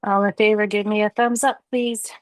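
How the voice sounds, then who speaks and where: A woman's voice: medium pitch, level tone, moderate pace, dry recording. A woman chairing a committee meeting over a video call, congested, casual and polite with many fillers. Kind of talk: running a virtual meeting.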